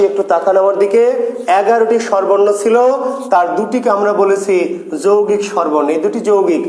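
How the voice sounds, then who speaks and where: A man's voice: high voice, darkish tone. A man teaching a grammar lesson to exam students. He drills sounds over and over and asks questions that he then answers himself. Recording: echoey room.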